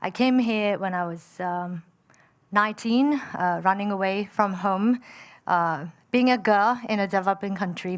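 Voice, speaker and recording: Speaking at a medium pitch, an entrepreneur from Malaysia shares her personal founding story as a panel speaker. Chinese is her first language, and her delivery is energetic and resolute, sprinkled with plenty of fillers.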